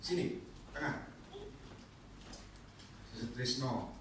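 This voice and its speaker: A male evangelist, preaching an animated sermon that swings into loud shouted peaks and acted-out scenes. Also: medium pitch, extremely slow, background noise. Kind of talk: lively church sermon. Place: large church hall. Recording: echoey hall, distant mic.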